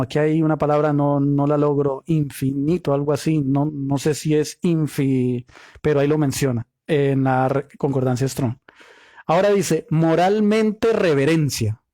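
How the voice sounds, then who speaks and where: A man's voice: on the high side, dark tone, dry recording, clean studio sound. A man teaching a Bible study, reading scripture aloud and explaining the Hebrew meaning of words, often asking rhetorical questions.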